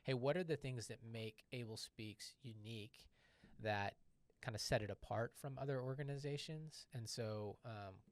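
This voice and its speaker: A man's voice: medium pitch, normal speed, dry recording. A man co-hosting a ministry podcast in a loose, conversational way, with fillers and friendly asides. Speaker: podcast co-host. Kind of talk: casual podcast chat.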